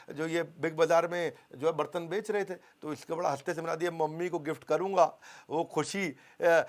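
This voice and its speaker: Business coach guy on stage, slightly high voice, punchy and repetitive, makes the crowd finish his lines. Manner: call-and-response, has the audience finish lines; emphatic, repeats key phrases. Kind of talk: motivational business seminar.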